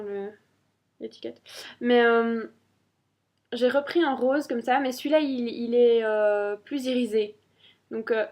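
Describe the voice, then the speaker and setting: A woman's voice: on the high side, a little hiss or hum. A woman, chatting through a casual product review with many fillers and restarts. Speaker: beauty vlogger.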